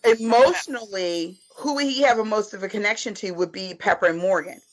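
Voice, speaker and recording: A woman's voice: mid-range voice, fairly quick, poor audio. A woman talking casually about film and TV on a video call, emphatic and repeating herself for stress. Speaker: podcast panelist. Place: indoors at home on a video call.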